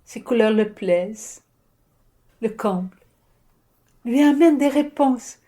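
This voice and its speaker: A fairly high-voiced woman speaks an inspired spiritual message. She moves very slowly, in short broken phrases that often sink into a near-whisper. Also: expressive. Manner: slow, halting phrases with soft whispered asides. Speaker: spiritual medium.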